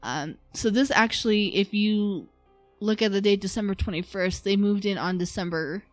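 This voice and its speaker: A woman hosts a podcast and walks through a story in a relaxed, conversational way. Her voice sits mid-range and sounds dry and close to the microphone. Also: medium pitch, moderate pace, no room sound, faint music behind. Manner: narrates from notes, chatty with laughs. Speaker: podcast host.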